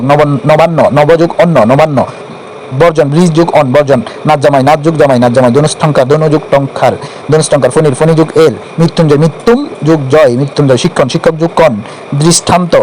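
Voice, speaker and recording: A man's voice: a little high, fairly even intonation, darkish tone, slight background noise, poor audio. Man rattling off a grammar drill. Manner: rapid rote listing with small slips. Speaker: teacher. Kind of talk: reciting grammar drill for exam prep.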